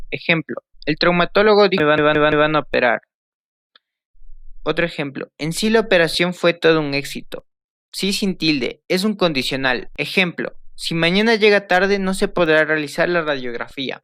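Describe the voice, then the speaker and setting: A young man from Ecuador reads through spelling rules and example sentences, now and then tripping over a word and repeating it. His voice sits fairly high, and the recording is dry and close. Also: fairly bright tone, clean tone, dry recording. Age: young adult. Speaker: student. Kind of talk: reading a spelling lesson aloud.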